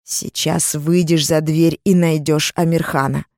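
A woman reading an audiobook, voicing a cruel armed male kidnapper who snarls slow threats. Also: sits low, fairly even intonation, darkish tone, dry recording, clean studio sound. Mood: menacing.

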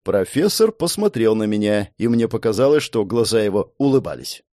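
A man's voice: lowish voice, fairly quick, no room sound, studio quality. A man narrating an audiobook expressively, voicing every character himself. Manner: expressive, plays all the voices. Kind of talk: scripted narration.

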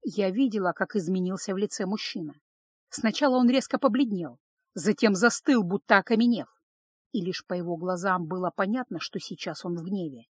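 A woman narrates a fantasy novel in the first person, measured and even. Her voice sits at a middle pitch, recorded dry and close to the mic. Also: slightly rough, no echo. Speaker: audiobook narrator.

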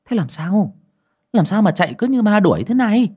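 A man's voice: high voice, big pitch swings, moderate pace, breathy edge, voice pushed up, exaggerated voice. A man voicing a bossy, superstitious older aunt who scolds and orders people about. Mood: worried.

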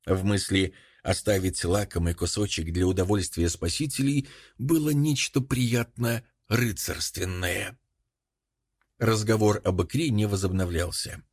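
A man narrating a story in an even, measured reading voice. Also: on the low side, slightly rough, no room sound, studio quality. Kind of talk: audiobook narration.

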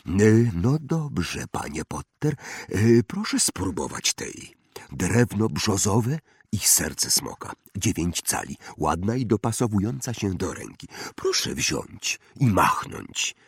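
A man reading aloud voices an old male wandmaker who talks in a slow, hushed, drawn-out way and stares through people. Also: low voice, very animated, gravelly, breathy edge, no room sound, studio quality, full character voice. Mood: fussy. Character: old male wandmaker, eerie, soft-spoken, piercing.

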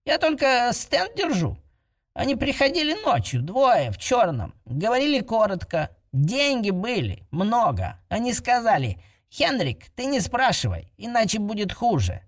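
A man voicing a nervous old male goblin trader in a storybook, with a squeaky, stammering voice. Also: huge pitch swings, measured pace, heavily acted. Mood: frightened.

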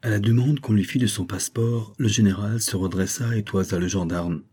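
A man narrating an audiobook in a steady, measured reading. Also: fairly low pitch, slightly rough.

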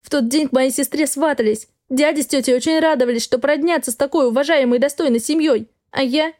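A woman's voice: sits high, fast, darkish tone, no echo, clean studio sound, close to an everyday voice. A woman voicing a tearful, frightened young girl. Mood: pleading. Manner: sobbing, pleading, breathless. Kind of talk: audiobook dialogue.

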